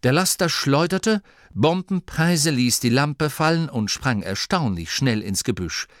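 A male narrator reading a children's novel with an animated, rising and falling voice. The recording is close and dry, with no room sound. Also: medium pitch, measured pace, no room sound. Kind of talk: audiobook narration.

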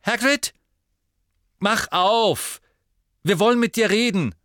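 A man voicing a determined teenage boy wizard, firm and at times soft. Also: on the high side, unhurried, no room sound, studio quality, voice pushed up. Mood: demanding.

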